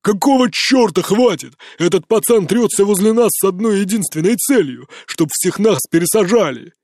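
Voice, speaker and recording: A drunk, bitter man who drawls slowly and jeers at everyone around him, voiced by a male reader. His speech is slurred and loose, climbing into shouts when he loses control. The voice sits high, and the reading is dry and close. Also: expressive, dry recording. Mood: furious shouting. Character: drunk bitter middle-aged man, mocking and volatile.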